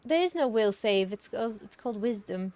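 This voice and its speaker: High-voiced woman player, dry sound. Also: lively intonation, moderate pace, darkish tone, dry recording. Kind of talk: tabletop role-play banter.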